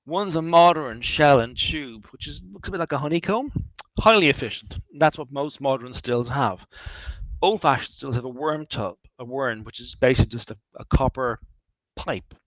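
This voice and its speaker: An Irish man in mid-range pitch guides listeners around his distillery, chatting with wry humour. His voice is close and dry, with little room sound. He restarts sentences often as he thinks aloud. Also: lively intonation, normal speed, a bit bright, dry recording, poor audio. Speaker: distillery founder leading a tour. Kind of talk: guided tour talk, answering questions.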